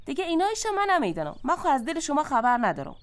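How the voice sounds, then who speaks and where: A woman's voice: high voice, very animated. A woman voicing a protective younger sister who firmly keeps her brother-in-law out. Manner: firm, guarded.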